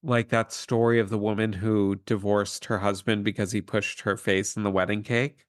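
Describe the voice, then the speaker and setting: Wry, deadpan man co-host. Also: lowish voice, normal speed, no room sound, studio quality. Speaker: podcast co-host. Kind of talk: casual chat.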